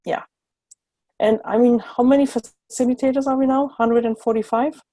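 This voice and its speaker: Mellow-voiced woman from Germany, dry sound. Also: fairly high pitch, steady tone, moderate pace, no echo. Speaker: guest facilitator. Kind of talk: casual online talk.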